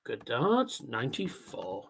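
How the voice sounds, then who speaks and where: A man's voice: medium pitch, wildly swooping pitch, slow, creaky, fairly bright tone, slight background noise, poor audio. A man doing casual live darts commentary as a watchalong host, with trouble pronouncing his R sounds. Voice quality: cannot pronounce R sounds properly.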